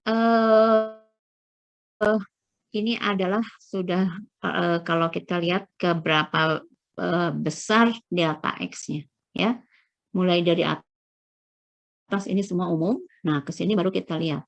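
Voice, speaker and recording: Give me a middle-aged woman lecturer with a gravelly edge, explaining slides patiently. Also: on the low side, dull audio. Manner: explanatory, frequent checking "ya", searching fillers. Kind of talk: recorded lecture walking through slides.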